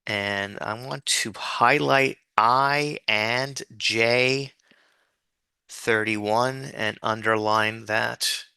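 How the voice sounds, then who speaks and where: A man with a very bright, forward voice leads a software tutorial step by step. He speaks very slowly, dictating each piece in an informal, patient way. A gravelly creak runs through his fairly low-stakes, instructional delivery. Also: fairly even intonation, no echo. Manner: dictating formulas piece by piece, spelling out letters and symbols. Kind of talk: step-by-step spreadsheet screen tutorial.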